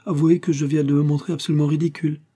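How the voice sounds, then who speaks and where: Guy doing a proud young noblewoman, raised up higher and pushier, dark husky voice under it. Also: level tone, fast talker, natural voice. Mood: distraught. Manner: heightened, emotional delivery.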